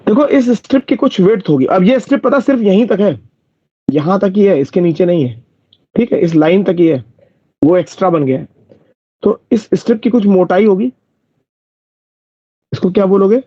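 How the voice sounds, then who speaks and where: A man's voice: sits high, animated, moderate pace, long pauses, dark tone, no echo. A man teaching math in a live online class, explaining step by step and checking whether his students follow. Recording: dull lo-fi dry recording.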